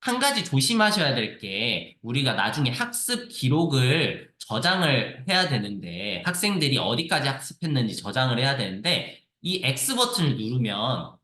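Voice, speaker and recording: A man teaching how to use a reading app, explaining with lively repetition as he clicks through a screen-share tutorial. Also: mid-range voice, echoey room. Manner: lively explanatory, repeats phrases.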